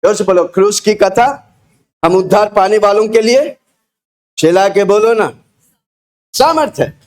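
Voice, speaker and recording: An Indian-accented man preaching a loud, booming call-and-response sermon, urging listeners to repeat phrases and throwing rhetorical questions at them. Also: moderate pace. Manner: booming, exhorting delivery with shouted prompts for the congregation to repeat. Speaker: preacher leading a church congregation.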